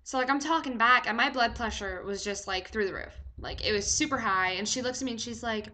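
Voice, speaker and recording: A young woman telling a story in a chatty, animated vlog, full of "like" fillers. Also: on the high side, a little fast. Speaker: vlogger.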